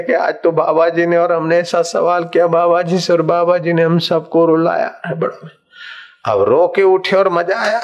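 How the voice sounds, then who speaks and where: A man giving a sermon, telling stories with playful asides and chanting verses. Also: on the high side. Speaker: spiritual preacher.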